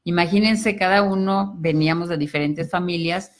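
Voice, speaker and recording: A middle-aged woman, co-hosting a personal growth talk. She gently encourages viewers, speaking to them directly. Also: lowish voice, fairly even intonation, moderate pace.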